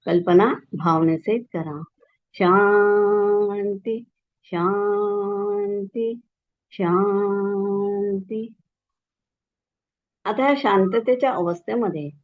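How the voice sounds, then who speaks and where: A woman guiding a meditation and relaxation session, giving slow, soothing instructions and drawing out long chanted words. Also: medium pitch. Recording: dull lo-fi recording.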